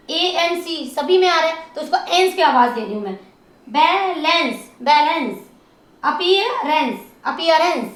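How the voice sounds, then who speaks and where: Woman, pronunciation lesson, spelling and repeating words, echoey room. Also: high voice. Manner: spells words letter by letter, repeats each word and quizzes the listener. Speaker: English teacher. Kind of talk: slow word-by-word pronunciation lesson.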